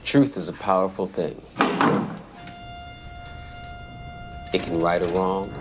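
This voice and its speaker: An actor playing a world-weary prison inmate who narrates in a blunt, sardonic, profane way. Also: male voice, low-pitched. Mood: musing. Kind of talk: scripted TV drama monologue. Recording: audible background noise.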